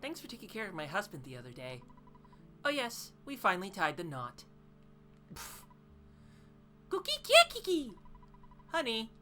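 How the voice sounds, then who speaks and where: A woman voicing a cheerful little alien creature, reading game dialogue aloud with high chirpy babble between lines. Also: pushed and bright, heavily acted.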